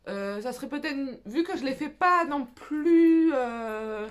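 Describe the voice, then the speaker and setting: Young woman, high-pitched, chatty, rambling, filler-heavy, casual home vlog. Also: animated, slow. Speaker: coloring channel host. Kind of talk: casual chat, showing coloring purchases.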